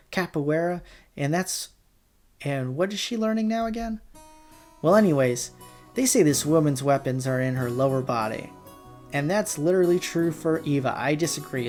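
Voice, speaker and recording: Music plays as a man reads aloud from a visual novel, stopping now and then to react casually, as an amateur reader and player. His voice is a little high and slightly mellow.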